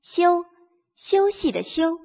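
Female children's teacher, slow and very lively, singsong, reading-to-a-toddler delivery, music behind. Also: very high voice, vocal fry. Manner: slow, repeats words for listeners to follow. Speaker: children's literacy teacher and narrator. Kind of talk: scripted lesson narration for small children.

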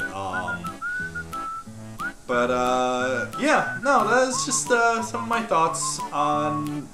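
A young man giving a casual game review as a YouTuber, with hesitant, repetitive phrasing, recorded in a living room. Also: fairly high pitch. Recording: roomy home recording, music behind.

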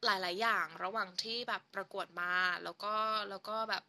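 Very bright young woman live-streaming. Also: medium pitch, steady tone, moderate pace. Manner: reads viewer comments aloud and chats back. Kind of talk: casual live-stream chat.

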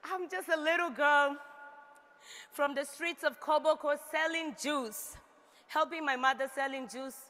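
A woman from South Sudan reading an emotional, grateful success speech on a large stage, sometimes rising to shouts. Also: high voice, a little slow. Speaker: stage speaker at a company event. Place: large stage with reverberant hall. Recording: long hall reverb from stage.

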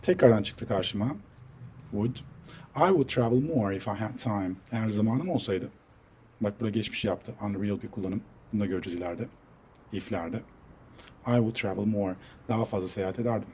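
A man explaining English grammar in a patient teaching voice, reading example sentences slowly and carefully. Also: on the low side, darkish tone, slight background noise. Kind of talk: screen-recorded English lesson in Turkish.

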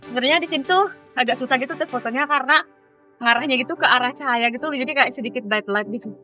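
A bright, fast-talking woman with an Indonesian accent chats her way through a travel vlog outdoors. Her voice sits a little high and she keeps things upbeat and loose, full of fillers, with light music running underneath. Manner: chatty, upbeat, with many fillers. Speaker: travel vlogger. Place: outdoors at a waterfall.

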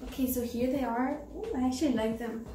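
Chatting casually and a little wearily about the clothes she's trying on, this teen girl vlogger speaks English with a light Mexican tinge, in a fairly high, steady voice at a fairly quick pace. She rambles easily in her small bedroom. The camera sits across the room, giving an off-mic, roomy sound with gentle music underneath.

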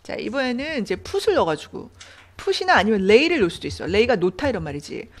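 Lively woman teaching an English lesson. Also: on the high side, moderate pace. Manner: explains grammar step by step, asking questions to students. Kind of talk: online English reading lesson.

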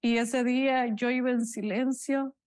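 Bereaved mother as interview guest, slightly high voice, dry close sound, slow halting earnest telling. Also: steady tone, a little mellow, no echo. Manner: emotional, slow, halting storytelling; earnest, religious. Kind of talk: personal testimony in an interview.

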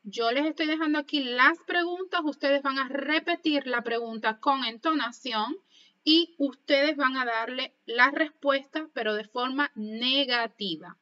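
A woman teaching a French lesson online, speaking slowly and carefully as she models pronunciation for learners to repeat. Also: sits high, bright, forceful tone, lo-fi sound.

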